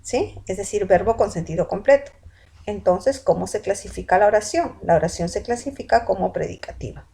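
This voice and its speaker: A woman's voice: mid-range voice, a little fast, creaky, mellow, slightly rough. A woman teaching a grammar lesson to students, calling them "chicos" and asking questions she then answers herself. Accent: Peruvian Spanish. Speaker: language teacher. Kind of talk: classroom lecture.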